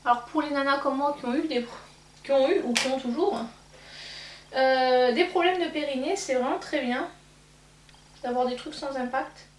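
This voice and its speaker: A woman in her thirties, a beauty vlogger chatting casually and rambling with many fillers while doing her makeup. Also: high-pitched. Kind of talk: casual get-ready-with-me chat. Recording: echoey room, mic at a distance, faint hum.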